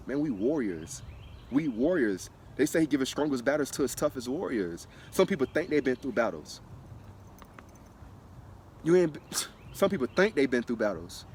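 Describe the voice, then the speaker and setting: A man from Florida speaks emphatically about his own life, circling back with "you get what I'm saying." He sits a bit away from the mic, and his mid-pitched voice carries over faint traffic and urban background noise. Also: far from the mic. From Broward County, Florida. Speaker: spiritual vlogger. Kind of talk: personal testimony vlog.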